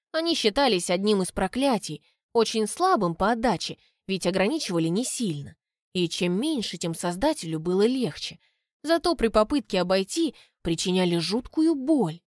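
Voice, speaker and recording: Female audiobook narrator, brisk and even, dry close voice, mid pitch. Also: no echo. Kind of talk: first-person fantasy narration.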